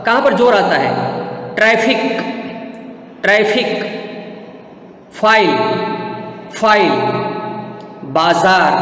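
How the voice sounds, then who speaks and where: A man teaching a grammar lesson, repeating each word twice and quizzing his listeners as he goes. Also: high-pitched. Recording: echoey room with long reverb.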